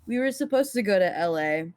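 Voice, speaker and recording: A woman's voice: medium pitch, lively intonation, brisk, a little mellow, clean tone. Laughing, foul-mouthed young woman. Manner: laughs often, swears casually. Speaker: podcast co-host. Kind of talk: casual chat.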